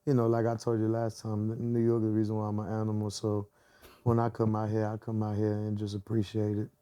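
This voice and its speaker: Young man from texas, mellow dark voice, flat even tone, laid-back drawl. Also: lowish voice, fast. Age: 20s. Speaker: guest rapper. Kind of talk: casual interview chat.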